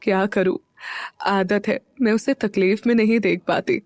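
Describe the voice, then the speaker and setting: A woman's voice: medium pitch, steady tone, a little slow, darkish tone, no echo, studio quality, lightly acted. A woman voicing an affectionate, worried elderly grandmother in an audio story. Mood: fond worried. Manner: fond, fretful tone.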